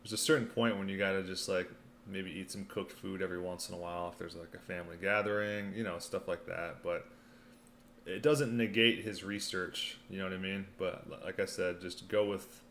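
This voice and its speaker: Low-voiced guy chatting while eating. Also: fairly even intonation, brisk, fairly bright tone, a little hiss or hum. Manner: talks while eating, mouth sometimes full; laid-back slangy delivery, often saying "man" and "you know". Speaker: livestream host answering viewer questions. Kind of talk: casual livestream chat.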